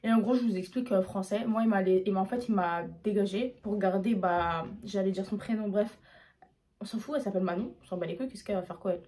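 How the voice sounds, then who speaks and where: A young woman from France telling a storytime on her vlog, casual and slangy, acting out what people said to her. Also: mid-range voice. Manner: fast, slangy, animated retelling. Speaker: YouTuber.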